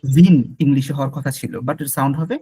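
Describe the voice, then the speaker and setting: Husky guy teaching french sounds, goes slow and says each one twice. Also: medium pitch, fairly even intonation, mellow. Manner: patient, repeats sounds slowly for the student. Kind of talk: online lesson mixing Bengali and English.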